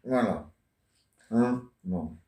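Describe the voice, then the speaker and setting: A man's voice: fairly low pitch, drawn-out words, warm tone, distant mic. A man in his forties rambling and joking in casual chat, teasing banter. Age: 40s. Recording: echoey room.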